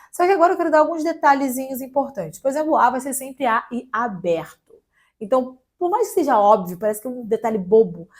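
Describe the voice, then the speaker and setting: Chatty Brazilian woman teaching German. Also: fairly high pitch. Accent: Brazilian Portuguese. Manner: chatty, spells letters out slowly, jokes lightly. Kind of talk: casual online language lesson.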